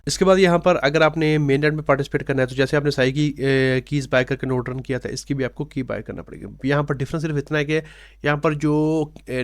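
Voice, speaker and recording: Male host, casual explainer read, mid pitch, close and dry, steady delivery with "uh" fillers. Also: no room sound. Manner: steady explaining, mixing in English tech terms, pausing with "uh" fillers. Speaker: crypto channel host. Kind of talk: casual screen-share explainer.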